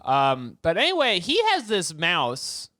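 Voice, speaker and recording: A man co-hosting a podcast in casual comedic chat, his fairly high voice leaping around with lively swings. He riffs and jokes, often with mock outrage. The sound is close and dry. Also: unhurried, dry recording. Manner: joking, riffing with mock outrage. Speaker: podcast co-host.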